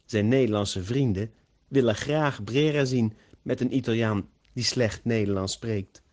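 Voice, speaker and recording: A man narrating a story slowly and carefully, as an audiobook for language learners. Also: medium pitch, darkish tone. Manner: slow, carefully pronounced.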